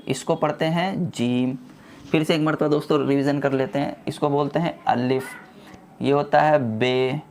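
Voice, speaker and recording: A man teaching the Urdu alphabet to his viewers, reciting each letter slowly and patiently and addressing them as friends. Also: on the high side. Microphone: small clip-on mic.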